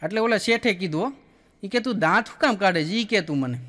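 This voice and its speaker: A man's voice: high-pitched, lively intonation, quick pace, fairly bright tone, in a large hall. A man with a Kathiawadi Gujarati accent telling jokes on stage as a folksy storyteller, acting out the people in his stories. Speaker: comedian. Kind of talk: stand-up joke telling.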